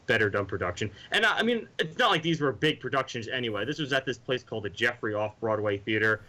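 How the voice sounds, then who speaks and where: A man's voice: mid-range voice, lively intonation, fast, sharp tone, low-quality recording. A man co-hosting a podcast, chatting casually and rambling with restarts. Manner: rambling, with restarts and mimicked sounds. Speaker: podcast co-host. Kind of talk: casual chat.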